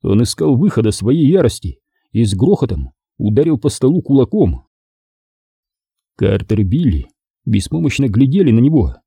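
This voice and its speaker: A man narrating a crime novel as an audiobook in an expressive, dramatic reading. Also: mid-range voice, normal speed, vocal fry, slightly rough, no echo, studio quality.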